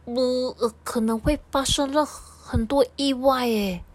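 Mom doing a squeaky nervous goldfish, stammery and high pitched. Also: female voice, a little slow, no echo. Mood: worried. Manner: fretful, stammering, high and pleading. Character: small timid goldfish, anxious worrier. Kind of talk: reading a picture book aloud.

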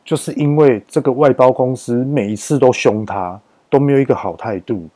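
In a relaxed, animated manner, a podcast host with a Taiwanese Mandarin accent relates something that happened at work. He speaks at a normal pace in a mid-range voice, elongating the particles that end his sentences for emphasis.

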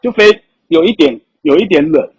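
A man's voice: on the high side, animated, fairly quick, poor audio. A young adult man with a Taiwanese accent telling stories casually as a podcast guest, often with a chuckle. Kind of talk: casual anecdotal storytelling. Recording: rough amateur podcast audio.

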